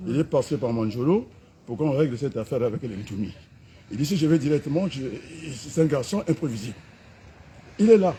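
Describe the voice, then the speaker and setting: A man's voice: medium pitch, lively intonation, fairly quick. Brief: middle-aged man, combative political rant, medium voice, outdoor street take, faint traffic hum. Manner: fiery, combative, mocking, with sudden loud outbursts. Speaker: political activist. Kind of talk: impassioned political rant to camera. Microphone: camera held by a companion.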